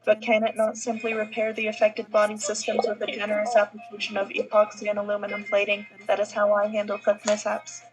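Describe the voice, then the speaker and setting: A woman's voice: mid-range voice, monotone, fairly quick, few pauses, close to an everyday voice. A woman voicing a literal-minded, earnest game robot in formal, precise wording. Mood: matter-of-fact. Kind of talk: reading a video game role aloud. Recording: slightly dull audio, music behind.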